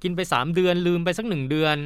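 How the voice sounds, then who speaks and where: A man's voice: high voice, rapid-fire, smooth, no echo. A man hosting a radio health show, politely reading out listener questions and chatting with the guest. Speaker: radio host.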